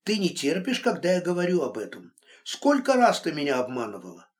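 A man's voice: a little high, huge pitch swings, brisk. A man voicing a stern, worried man who scolds and comforts a friend brusquely. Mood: reproachful. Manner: brusque, exasperated.

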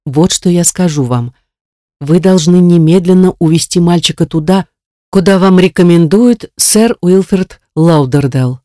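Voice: medium pitch, a little slow, warm tone, no echo, studio quality, close to an everyday voice. A reader voicing a kind, soothing lady friend. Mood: reassuring. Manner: soothing, reassuring. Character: kind, generous older woman friend. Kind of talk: audiobook character reading.

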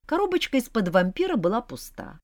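Expressive female audiobook narrator. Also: a little high, brisk, no room sound, clean studio sound. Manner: expressive storytelling.

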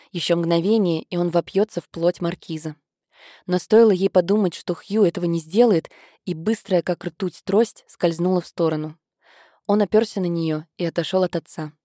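A woman narrating an audiobook in a measured, steady reading voice. Her tone is low and mellow. The recording is dry and close. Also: dry recording. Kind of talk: scripted narration.

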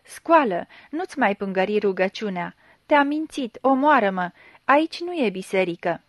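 A woman's voice: a little high, expressive, no room sound, lightly acted. Woman voicing an urgent guilt-ridden young man. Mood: desperate. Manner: pleading, urgent, loud outbursts. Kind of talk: audiobook reading.

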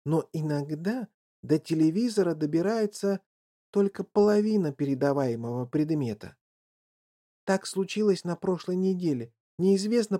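Reader putting on eccentric chocolate factory guy, swoopy and theatrical, mellow low tone. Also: close to an everyday voice. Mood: ominous. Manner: exclaiming, brisk, theatrical. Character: eccentric male chocolate factory owner, excitable. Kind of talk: audiobook character reading.

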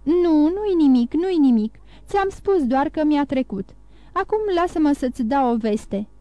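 Woman reading as a fragile young heroine, agitated and quick, voice lifted high, reassuring over her fear, audiobook. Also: animated, warm tone, no room sound. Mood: anxious. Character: frail young woman, anxious, brushing off fear.

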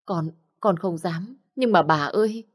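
A woman's voice: fairly low pitch, a little slow, husky. A woman doing a humble pleading servant mother. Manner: pleading, submissive.

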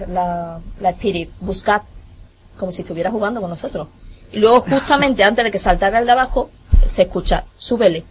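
A woman with a Spanish accent, a guest investigator on a radio show, recounting events and agreeing quickly. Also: medium pitch, slight background noise, rough recording. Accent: Spanish (Spain). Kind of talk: radio interview.

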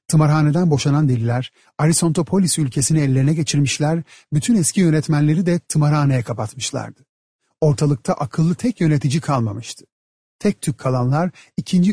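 Male audiobook narrator, measured and steady, slightly high, dry close sound. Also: husky, no room sound. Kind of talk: audiobook narration of a satirical story.

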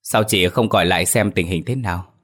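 A man's voice: low voice, brisk, a bit bright. A man as an earnest young taxi driver. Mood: concerned. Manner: earnest, concerned, stammering when scared. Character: young male taxi driver, kind, later frightened.

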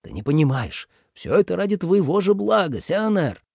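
A man's voice: high voice, very animated, moderate pace, creaky, a little mellow, breathy edge, dry recording, studio quality, pitched above the performer's own voice, heavily acted. A man playing a fretful, pleading old father. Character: anxious elderly father, pleading and worried.

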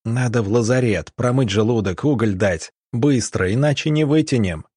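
Guy reading as a calm young doctor, steady and matter-of-fact, a bit husky. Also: mid-range voice, normal speed, no echo, clean studio sound, natural voice. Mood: urgent. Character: calm young male country doctor, composed.

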